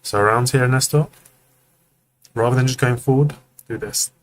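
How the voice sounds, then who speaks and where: Giving relaxed animation critiques on a live stream, a man mimics the motions as he talks and tosses friendly jokes to chat. He has a mid-range voice at normal speed, heard through a low-quality recording with some background noise.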